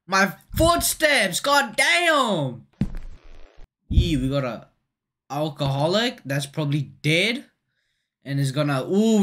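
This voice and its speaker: Woman gamer, horror playthrough commentary, slangy and easily startled, with a bouncy, swooping pitch. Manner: jumpy, slangy, exclaiming loudly. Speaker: gaming YouTuber.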